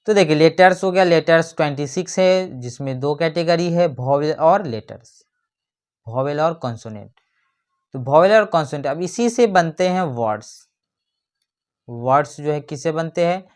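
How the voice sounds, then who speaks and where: Animated and at medium pitch, this grammar teacher reads each definition out slowly before explaining it with a series of rhetorical questions.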